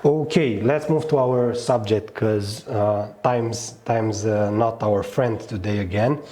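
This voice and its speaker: A man with a Romanian accent hosting a live outdoor panel event, speaking haltingly with frequent fillers and restarts. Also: lowish voice, dark tone. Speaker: event host. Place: outdoors at a fortress on a hot day.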